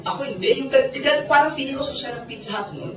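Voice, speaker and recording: A man in his forties with a Filipino accent, a network marketing mentor telling stories to a seminar audience, animated and joking with the crowd. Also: very high-pitched, quick pace. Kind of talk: Taglish seminar storytelling. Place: seminar hall with a large audience. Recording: echoey hall, distant mic, loud crowd.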